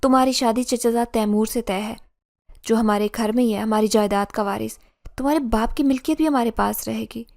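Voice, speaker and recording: A woman's voice: on the high side, gravelly, darkish tone, no echo, studio quality. A woman voicing a harsh, unbending old grandmother who lays down the family's orders. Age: older. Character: stern old grandmother matriarch.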